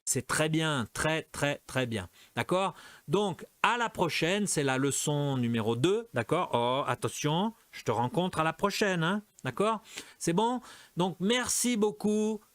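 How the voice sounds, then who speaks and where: A man teaching a French lesson, repeating each example several times and slipping into quick Portuguese asides. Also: fairly high pitch, lively intonation, a bit bright, dry recording. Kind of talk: explaining a language lesson.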